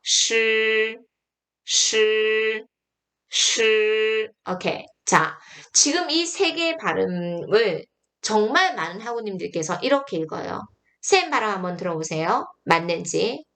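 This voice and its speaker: A woman's voice: mid-range voice, very animated, moderate pace, fairly bright tone. A young woman teaching pronunciation in an online lesson, drilling syllables one by one and correcting mistakes emphatically.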